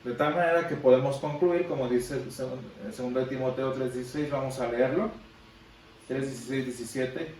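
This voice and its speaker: A man's voice: mid-range voice, fairly even intonation, fast, hardly any pauses, a little mellow, slight background noise. A man teaching a Sunday school Bible class, explaining patiently and asking his listeners questions. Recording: echoey room, from far off.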